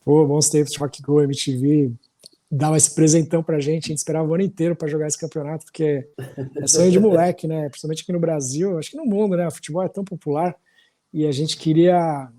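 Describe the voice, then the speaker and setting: A musician from São Paulo, Brazil, guests on a podcast, telling stories in a relaxed, rambling chat full of tag questions. He speaks Paulistano Brazilian Portuguese quickly, with a mellow voice of fairly high pitch.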